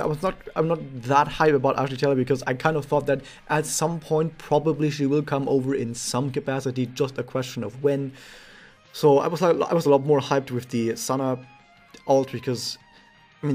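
A man's voice: a little high, darkish tone. A man hosting a casual gaming news vlog, rambling with frequent restarts as he talks viewers through an in-game event. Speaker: gaming news channel host. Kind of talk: casual gameplay commentary vlog.

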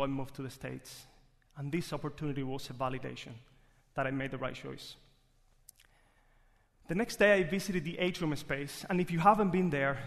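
A man's voice: a little high, fairly bright tone. A man with a Cuban Spanish accent telling a personal story live on stage, earnest and reflective. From Cuba. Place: theater stage. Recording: live theater hall reverb.

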